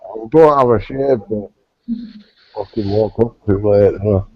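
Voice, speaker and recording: A man's voice: lowish voice, a little slow. A man hosting a casual online group chat, rambling with fillers and swearing. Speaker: host of an online chat show. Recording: lo-fi, dry online call audio.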